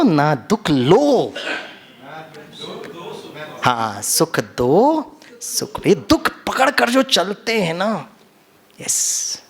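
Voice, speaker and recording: A middle-aged man giving an animated seminar talk to doctors in a conference hall, mixing Hindi and English and acting out quotes. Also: on the high side. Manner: audience call-and-response. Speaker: motivational trainer.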